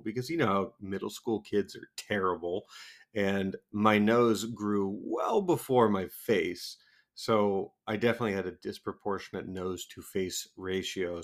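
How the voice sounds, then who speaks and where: A man with a wheezy voice co-hosts a podcast in a casual, comic, self-deprecating way, laughing often. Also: low-pitched. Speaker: podcast co-host.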